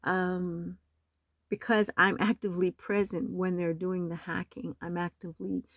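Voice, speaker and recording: Hoarse woman with a cold, lowish voice, urgent, rambling vlog delivery. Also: flat delivery, measured pace, no room sound. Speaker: nonprofit website owner. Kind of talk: screen-recorded vlog. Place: home in the desert.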